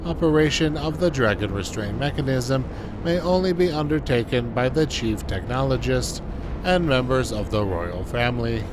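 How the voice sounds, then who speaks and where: A man putting on a robot voice for a dutiful male control terminal, speaking in clipped monotone announcements. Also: medium pitch, normal speed, noisy background. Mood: robotic. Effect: robot voice done by mouth, no filter. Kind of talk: voicing game dialogue while playing.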